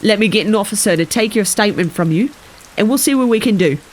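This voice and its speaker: A woman's voice: medium pitch, animated, quick pace, a little mellow, lightly acted. A woman reading the part of a polite, weary young male desk sergeant who stammers when flustered.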